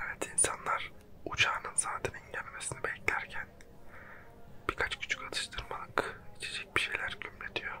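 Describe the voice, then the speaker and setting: Close whispering ASMR game host. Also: pushed and bright. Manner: casual, slangy, self-mocking. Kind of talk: whispered ASMR geography guessing-game commentary. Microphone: close microphone.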